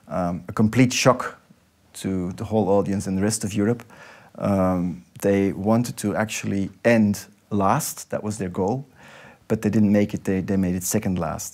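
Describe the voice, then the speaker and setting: A man, a DJ speaking thoughtfully and at a measured pace in an interview. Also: low voice, darkish tone. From Belgium. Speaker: DJ and producer, interview guest. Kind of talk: reflective interview talk. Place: nightclub.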